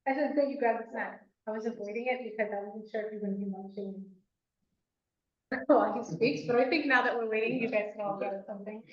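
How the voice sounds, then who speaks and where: A woman organizer making quick announcements to a room of students. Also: on the high side, lo-fi sound. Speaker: event organizer. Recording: echoey room, far from mic.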